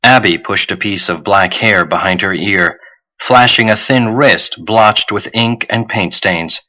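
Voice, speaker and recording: A man narrating a young-adult novel audiobook in a steady, clear storytelling manner. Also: lowish voice, measured pace, rough recording. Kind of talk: scripted narration.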